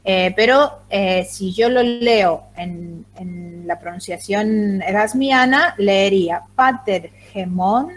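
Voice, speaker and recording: Greek lady teaching online, talks slow, lots of ehs and restarts, video call. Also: mid-range voice. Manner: hesitant, many fillers and restarts. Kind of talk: online lecture with Q&A.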